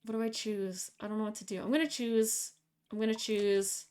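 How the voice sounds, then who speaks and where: A woman's voice: mid-range voice, flat delivery, normal speed, a little mellow, clean tone. A woman streaming a game, dithering anxiously over a choice and talking to herself. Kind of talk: game let's play commentary.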